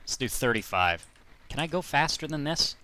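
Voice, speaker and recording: A man's voice: on the high side, lively intonation, moderate pace, pushed and bright, a little hiss or hum. A man streaming a driving game, chatting casually and telling rambling jokey stories to his viewers. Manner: rambling, jokey, self-deprecating. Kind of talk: casual gameplay commentary.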